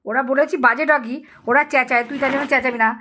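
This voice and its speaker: A woman's voice: sits high, fairly even intonation, brisk, sharp tone. A woman vlogger talking to her pet dog in a casual way, coaxing and scolding it in baby talk.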